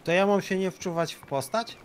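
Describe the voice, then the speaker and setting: A young man bantering through a co-op game, his voice sitting a bit high as he throws out quick, playful remarks. He asks questions and reacts fast to what happens. A faint hiss runs under the recording. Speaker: co-op game partner. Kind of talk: casual gameplay banter.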